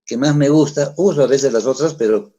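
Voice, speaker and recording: A man's voice: mid-range voice, fairly quick, dark tone, muffled recording. A middle-aged man, preaching a sermon in a conversational way, asking the congregation rhetorical questions. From Peru. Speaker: pastor.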